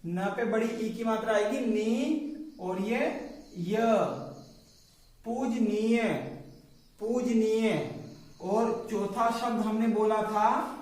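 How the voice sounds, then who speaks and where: Slow man spelling words in an echoey room. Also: sits high, fairly even intonation, darkish tone. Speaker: teacher. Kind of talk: dictation and spelling lesson. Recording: very echoey room, voice far from the mic.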